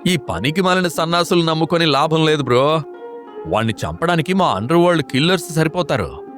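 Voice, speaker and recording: A man's voice: on the high side, animated, a little fast, fairly bright tone, soft background music, pitched above the performer's own voice. A man voicing a boastful, scheming young male villain who makes proud demands in an audio drama.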